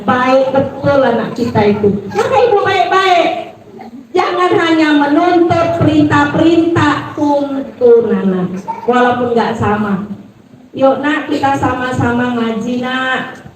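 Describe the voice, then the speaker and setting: A woman giving a lively religious parenting talk to mothers, telling stories and rising high when excited. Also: slow pace, a little hiss or hum. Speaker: parenting speaker. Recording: echoey hall, distant from the mic.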